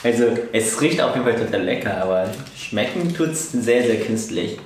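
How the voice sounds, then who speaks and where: Young man co-host, dry jokes, lively intonation, echoey far-off mic. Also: on the low side, normal speed. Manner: dry, joking asides. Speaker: co-host, host's husband. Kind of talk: casual snack-tasting chat. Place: indoor studio set at a table. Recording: echoey room, distant mic, faint noise.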